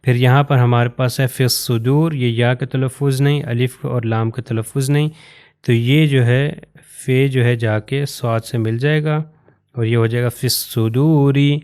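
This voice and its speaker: Calm guy teaching quran reading step by step, smooth clear voice, mid pitch. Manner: patient, step-by-step, pointing at written examples; slows down to recite Arabic phrases with care. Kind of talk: recorded lesson explaining to learners.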